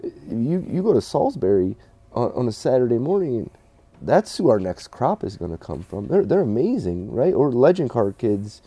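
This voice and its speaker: A man, a racing shop owner talking casually in an interview, halting with many restarts. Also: medium pitch, husky, no room sound. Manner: halting, restarts often, animated storytelling with quoted voices.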